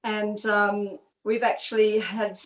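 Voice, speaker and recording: A woman's voice: mid-range voice, flat delivery, takes it slowly. Roomy, distant woman. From Swansea, Wales. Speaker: musician and songwriter, podcast guest. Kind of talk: casual conversation on a music podcast. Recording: roomy echo, distant from the mic.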